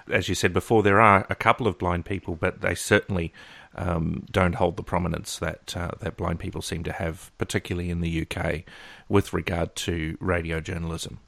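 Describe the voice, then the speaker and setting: Very deep gravelly male radio host. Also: steady tone, fairly quick, a bit bright, dry recording. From Australia. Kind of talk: conversational interview.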